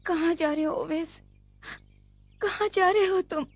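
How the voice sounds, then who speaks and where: A woman's voice: very high-pitched, a little slow. An actress dubbing a heartbroken young woman who pleads and reproaches. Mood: reproachful. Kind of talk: Urdu film dubbing.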